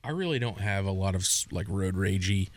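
A man with a fairly low voice jokes crudely in loose podcast chat. He often breaks off in fragments and restarts. His voice is recorded dry, close to the mic. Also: animated, fairly quick, no echo. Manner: crude joking, trailing off in fragments. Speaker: podcast co-host. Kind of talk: casual chat.

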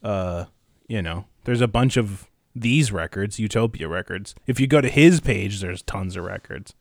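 A man's voice: on the low side, normal speed, a little mellow, dry recording, clean studio sound. A man chatting casually about records in a gushing frat-bro way, peppering his talk with "dude" and "like".

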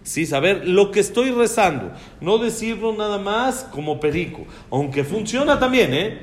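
A man's voice: high voice, animated, normal speed. A man teaching a religious lesson on prayer, posing questions and answering them himself. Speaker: Torah teacher.

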